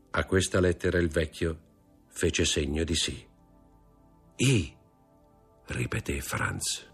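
A man with a very deep voice reads a classic novel aloud, measured and expressive. His narration moves steadily through the scenes. Faint music runs quietly behind him. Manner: measured, expressive literary reading. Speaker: audiobook narrator. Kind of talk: audiobook reading of a classic novel.

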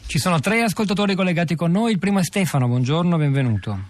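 A man's voice: fairly high pitch, lively intonation, fast. A man hosting a live radio phone-in from a studio. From Sicily, Italy. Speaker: radio host.

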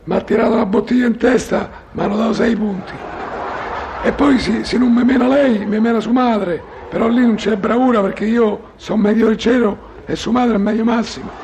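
High, creaky-voiced punch-drunk Roman boxer. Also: male voice, steady tone, background noise. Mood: naive, sentimental. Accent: Roman Italian dialect. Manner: slow-witted, halting, repetitive, easily confused. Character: dim, sentimental, punch-drunk retired male boxer. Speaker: comic character. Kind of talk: comic sketch dialogue.

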